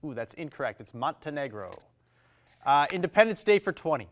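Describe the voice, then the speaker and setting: Reading quiz questions on air in a TV studio, this Maine-accented host speaks in a sing-song way. His voice is a little high, he moves briskly and cheerfully through the questions, and he fires off quick reactions to each answer.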